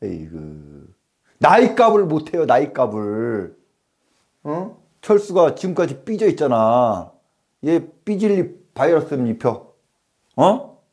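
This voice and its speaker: A man's voice: mid-range voice, darkish tone. A man acting as a schoolteacher in a comedy class, scolding pupils and firing off rhetorical questions. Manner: scolding, rhetorical, keeps asking "어?". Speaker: comic playing a schoolteacher.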